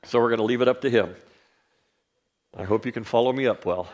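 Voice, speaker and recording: Speaking English as a second language, a man leads a relaxed Bible lesson at a brisk pace in a mid-range voice. Fillers are frequent, as are his "right?" check-ins.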